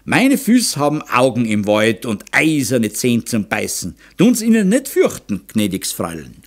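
A man's voice: medium pitch, wildly swooping pitch, unhurried, full character voice. A man voicing a cheerful young male mountain hunter in a Bavarian accent, hearty and reassuring in folksy dialect, for an audiobook. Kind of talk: audiobook character voice.

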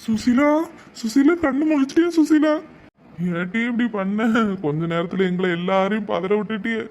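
A man's voice: sits high, fairly even intonation, brisk. A man voicing an anguished, reproachful father in a cartoon, pleading with his daughter in distress. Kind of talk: cartoon voice acting.

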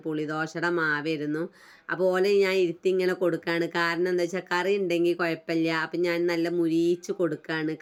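A woman's voice: low-pitched, clear, resonant tone. Chatty woman with a Malappuram accent. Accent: Malappuram Malayalam. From Malappuram, Kerala. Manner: chatty, homely, tags sentences with "tto". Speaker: vlogger. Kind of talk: casual narrated vlog.

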